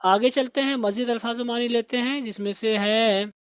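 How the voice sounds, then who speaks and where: A teacher, slowly explaining English grammar and repeating words aloud for pronunciation. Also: medium pitch, fairly even intonation, smooth, no room sound, clean studio sound. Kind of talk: spoken grammar and vocabulary lesson.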